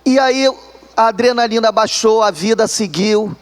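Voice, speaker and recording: A man with a Brazilian accent preaching a sermon, telling a personal story with animated delivery and often calling the listeners brother. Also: high voice, moderate pace, smooth. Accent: Brazilian Portuguese. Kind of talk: sermon testimony.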